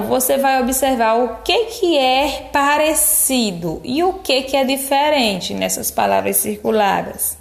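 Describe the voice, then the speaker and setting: Lady teacher, kinda high voice, talks super slow, stretches words out for little kids. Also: gravelly. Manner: drawn-out syllables to model sounds, affectionate diminutives. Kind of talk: slow, patient workbook explanation for young children.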